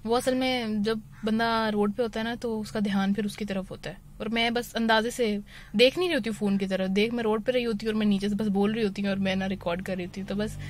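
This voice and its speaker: Young woman, driving vlogger, casual step-by-step talk, phone mic in a moving car with clear road noise. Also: mid-range voice. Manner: explains each step plainly, slipping English phrases in. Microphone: phone held in one hand.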